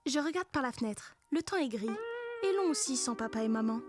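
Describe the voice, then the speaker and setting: A woman's voice: high-pitched, lively intonation, brisk, music in the background. A woman narrating a comic first-person story in a casual, slangy, sarcastic way. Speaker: narrator of a comedic story parody.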